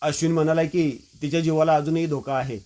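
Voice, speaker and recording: A man's voice: a little high, little pitch movement, quick pace, darkish tone, natural voice. A man reading the lines of a troubled young groom in a TV serial recap. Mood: resigned.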